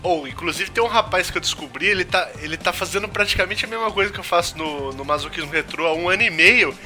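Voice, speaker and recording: A young man with a Brazilian accent, joking and swearing loudly in a casual podcast chat. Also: high-pitched, fast talker, soft background music. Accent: Brazilian Portuguese. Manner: swears a lot, jokey, loud outbursts. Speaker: podcast co-host, game reviewer.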